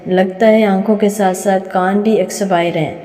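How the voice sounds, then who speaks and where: A rude, arrogant young man sneers through clenched teeth, as a woman storyteller reads him. The voice stays mellow and even, with hardly any rise or fall. A long reverb hangs behind it. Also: mid-range voice, normal speed, lightly acted. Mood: mocking. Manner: mocking, speaks through gritted teeth. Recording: reverberant room.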